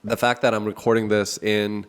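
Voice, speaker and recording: A man's voice: lowish voice, level tone, normal speed, smooth. A man hosting a casual podcast from a small office, talking in a nasal, stuffy voice, chatty and self-deprecating, laughing often. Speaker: podcast host. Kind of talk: casual solo podcast talk with phone calls.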